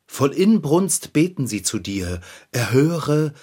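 A husky-voiced young amateur Romeo. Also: male voice, medium pitch, big pitch swings, slow, warm tone, exaggerated voice. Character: good-natured young man rehearsing Romeo.

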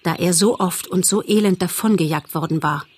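A woman narrating a storybook audiobook in a measured, expressive storytelling voice. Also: on the low side, music in the background.

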